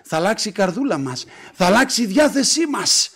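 High-voiced fervent Greek preacher. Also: male voice, very animated, fairly bright tone, slightly rough. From Greece. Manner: fervent preaching, calling out alleluia and asking questions of the congregation. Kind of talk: sermon.

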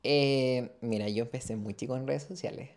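A dental student in his twenties with a Chilean Spanish accent chats casually as a podcast guest, his medium-pitched, slightly mellow voice moving at a normal speed. His talk is slangy and rambling, full of fillers. He sits in an armchair in a small studio room, recorded on a lapel mic.

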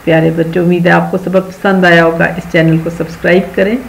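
A patient primary school teacher with a Pakistani accent narrates a video lesson for young children. Key words are repeated and English sentences are read out slowly and deliberately. The talk is instructive and closes with moral advice to the children. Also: mid-range voice, level tone, vocal fry, slight background noise, low-quality recording.

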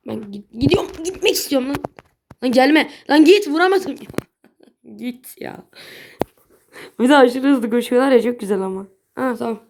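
A woman's voice: on the high side, mellow. A young woman chatting casually while playing a mobile game, blunt and easily frustrated, swearing lightly at her bad luck. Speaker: gaming video creator. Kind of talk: casual gameplay commentary.

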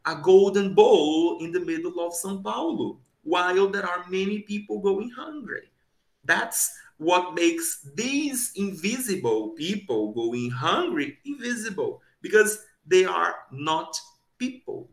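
Young guy presenting on a webcam call, slow careful pace, echoey little room. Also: sits high, a bit bright. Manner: slow, deliberate, lecturing with rhetorical questions. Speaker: conference presenter. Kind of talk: academic presentation over video call. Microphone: webcam on video call.

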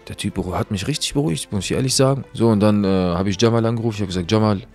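A young man telling a story in a casual, slangy monologue, swinging between loud outbursts and hushed asides. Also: lowish voice, very fast, faint music behind.

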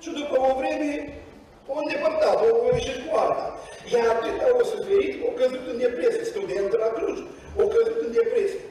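A Romanian man preaching a sermon in a church, telling stories and acting out the dialogue with lively energy. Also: extremely high pitch, slight background noise. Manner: animated storytelling, acting out dialogue. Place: church hall. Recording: echoey hall from far off.

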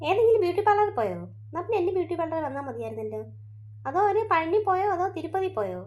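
A woman voicing a busy mother who runs a beauty parlour, talking in a brisk, chatty way. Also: very high voice, expressive.

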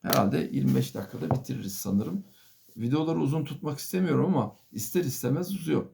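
A middle-aged man, a professor, giving a monologue lecture to viewers, firing off rhetorical questions, calling them dear friends and filling pauses with a formal "sir". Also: medium pitch, vocal fry, warm tone. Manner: asks many rhetorical questions and addresses listeners as dear friends; fills pauses with a formal "efendim". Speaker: professor giving a video talk.

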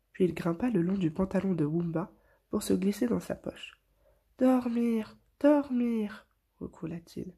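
A woman reading a picture book aloud to children in a soft, hushed storytelling voice. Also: lowish voice, vocal fry, husky.

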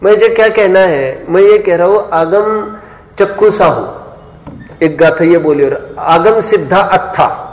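Recorded in a hall full of echo and long reverb, a high-pitched man preaches a scripture lecture in sermon style to a live audience, frequently pausing to ask rhetorical questions and confirm his listeners are with him.

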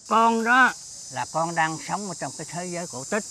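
A gentle old Southern grandpa. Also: male voice, lively intonation, normal speed, a little hiss or hum, full character voice. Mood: coaxing. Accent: Southern Vietnamese. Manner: gentle, coaxing, low and soft. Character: kindly old man guiding a lost little boy. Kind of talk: TV fairy-tale drama acting.

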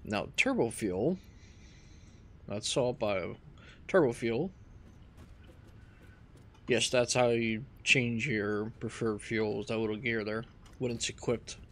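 A man casually talking through his gameplay, relaxed and rambling as he thinks aloud. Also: medium pitch, slow pace, long pauses. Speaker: gaming channel host.

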